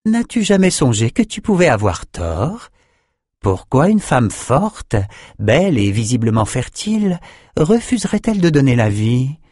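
A bossy scholar lady with a high sugary voice that talks down to people, insistent and possessive, in a storybook reading, as a male reader puts her on. the sound is dry and close. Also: sing-song, measured pace, darkish tone, no echo. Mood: indignant. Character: imperious woman, chief of scholars, possessive.

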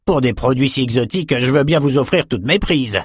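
A man's voice: mid-range voice, expressive, brisk, slightly rough, dry recording, clean studio sound, pitched above the performer's own voice. A man reading a story plays a cheerful, bantering lone fisherman. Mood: jovial. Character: cheerful lone male fisherman, bare-chested.

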